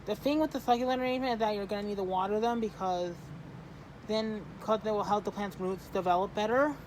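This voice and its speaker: An eighteen-year-old from Michigan hosting a casual how-to vlog, often halting and correcting themselves mid-sentence. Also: mid-range voice, fairly even intonation, darkish tone, slight background noise, rough recording. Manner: halting, self-correcting, trailing off. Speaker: plant arrangement seller and video host.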